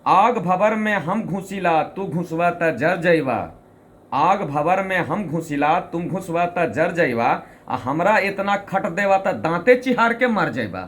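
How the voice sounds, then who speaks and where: A man's voice: high-pitched, lively intonation, slow, a bit bright, full character voice. A man voicing a proud, boastful talking shoe that scolds in rhyming verse. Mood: boastful, scolding.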